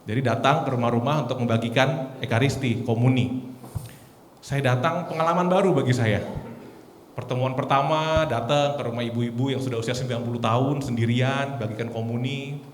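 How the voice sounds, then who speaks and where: Casual preacher guy in his 30s, chatty storytelling, mid-pitch voice, big echoey hall. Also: a little fast. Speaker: lay preacher. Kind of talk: sermon at a prayer meeting. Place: large echoey church hall. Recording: echoey hall, faint noise.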